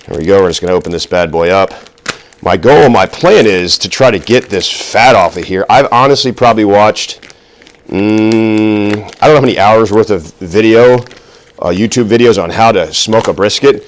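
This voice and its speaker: This middle-aged cooking vlogger speaks at a moderate pace in a lowish voice, chatting as he cooks. His talk is nervous and self-mocking, full of fillers, and he gets a bit winded now and then.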